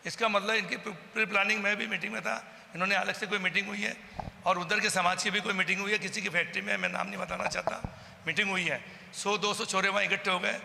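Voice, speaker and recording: Gravelly man recounting an incident. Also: high-pitched, steady tone, quick pace, pushed and bright, long reverb tail, a little hiss or hum. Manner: agitated storytelling, acting out the quoted exchanges. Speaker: eyewitness from the local community. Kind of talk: personal account to a news camera.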